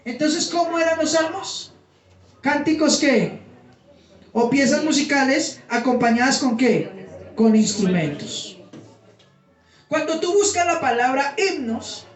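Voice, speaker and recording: A man's voice: very high-pitched, expressive, slow, long pauses. A man preaching a teaching sermon to his congregation, explaining terms and asking them questions. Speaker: pastor. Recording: roomy sound from a distance.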